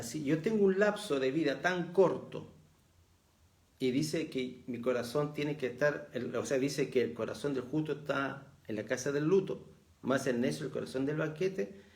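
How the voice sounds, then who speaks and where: A middle-aged man with a Chilean accent, preaching a reflective sermon and rising in emphasis as he reads verses aloud. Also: on the high side. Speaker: pastor.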